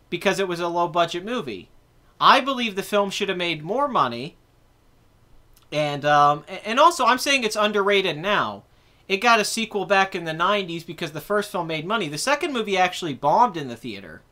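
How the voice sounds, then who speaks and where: A man in his twenties hosts a casual live chat about movies, answering viewer comments while rambling and correcting himself. His voice is fairly high-pitched with a sharp tone.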